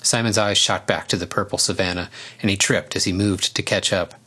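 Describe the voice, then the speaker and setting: A man narrating a storybook in a calm, even reading voice. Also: deep voice, fairly quick, slightly rough.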